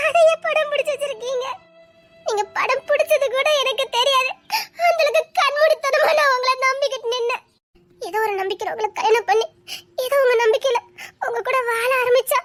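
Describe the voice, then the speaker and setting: A woman playing a heartbroken young female student who speaks with a Tirunelveli Tamil accent and keeps reproaching a lover through sobs. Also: very high-pitched. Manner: sobbing, accusing and reproachful. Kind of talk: Tamil melodrama acting.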